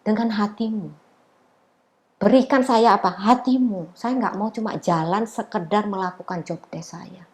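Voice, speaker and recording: A woman's voice: mid-range voice, normal speed, darkish tone. A middle-aged woman giving a casual, chatty testimony sermon at a prayer meeting, telling her story with many fillers.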